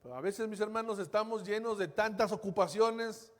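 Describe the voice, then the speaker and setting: A male pastor preaching a sermon with fervour, his voice swelling and then falling back to a hush as he keeps addressing the congregation. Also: high-pitched, moderate pace. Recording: long reverberant hall.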